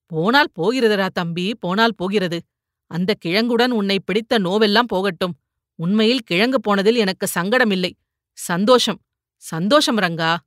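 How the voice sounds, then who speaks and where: A woman voicing a frail old uncle who is gentle and forgiving, in an audiobook reading. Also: mid-range voice, normal speed, no echo, clean studio sound, natural voice. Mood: consoling. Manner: gentle, consoling.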